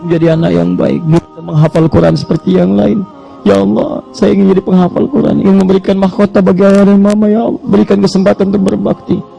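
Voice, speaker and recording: A man's voice: sits high, completely flat delivery, fast talker, vocal fry, dark tone, faint music behind, pitched above the performer's own voice, rough recording. A man acting out a small child who prays tearfully for forgiveness and to serve his parents. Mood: pleading. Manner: pleading, prayerful.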